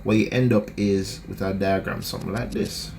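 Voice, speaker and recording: A man's voice: fairly low pitch, fairly even intonation, noisy background. A man teaching a lecture, explaining a diagram step by step and checking in with the class often. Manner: unhurried, checks in with "right?" often.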